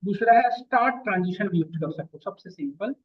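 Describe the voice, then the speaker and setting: In this database lecture, a man with a high-pitched voice talks briskly and animatedly, calling his students "beta" and checking whether they're following. The recording is lo-fi and phone-like, captured from a distant mic.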